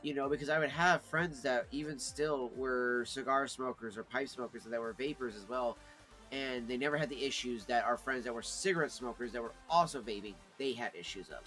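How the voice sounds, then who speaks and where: Male livestream host, medium-pitched, casual and chatty with a rambling, informal delivery over faint music. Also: fairly quick, sharp tone, low-quality recording. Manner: informal, rambling, addresses chat as friends. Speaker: livestream host reviewing pipe tobacco.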